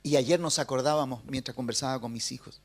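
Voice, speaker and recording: A middle-aged man preaching a sermon as pastor, swinging from loud urging to hushed confession. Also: mid-range voice, steady tone, brisk.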